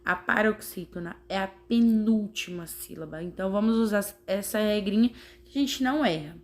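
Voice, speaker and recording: A woman teacher, explaining a grammar lesson slowly and carefully, sounding out syllables. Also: mid-range voice, a little mellow. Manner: slow, carefully spelling out syllables. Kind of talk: slow classroom explanation.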